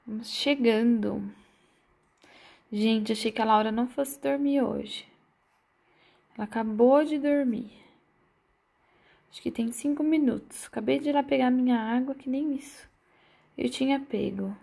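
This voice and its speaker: A woman hosts a relaxed live stream, chatting loosely and welcoming each viewer by name. Her voice sits a little high with a gravelly edge. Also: a little slow, long pauses. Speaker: live stream host, therapist. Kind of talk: casual live stream chat.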